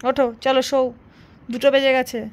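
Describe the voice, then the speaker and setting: A woman's voice: high-pitched, flat delivery, normal speed. A mother scolding and coaxing her small child to go to sleep at home at night. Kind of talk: casual scolding at bedtime. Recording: home recording with background noise.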